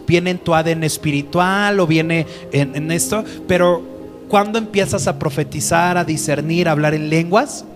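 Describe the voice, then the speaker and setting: A man teaching the Bible to a group in a conversational way, often asking them questions. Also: high voice.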